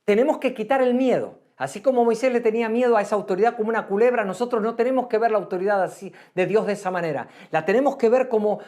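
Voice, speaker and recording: A woman preaching a sermon in an earnest, emphatic way, repeating phrases for stress and slowing to a hush on key lines. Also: a little high.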